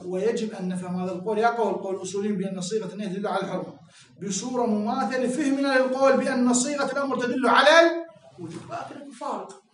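A man's voice: high voice, reverberant, far from the mic, slight background noise. A man with an Iraqi accent teaching a seminary class, explaining step by step, often checking whether students follow and joking with them. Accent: Iraqi Arabic. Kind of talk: classroom lecture.

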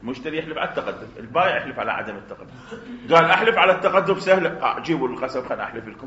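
A man with an Iraqi accent teaching a jurisprudence class, animated, firing off rhetorical questions and acting out short exchanges. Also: on the high side, slight background noise. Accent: Iraqi Arabic. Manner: animated, fast, poses rhetorical questions and acts out dialogues. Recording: roomy, dull recording.

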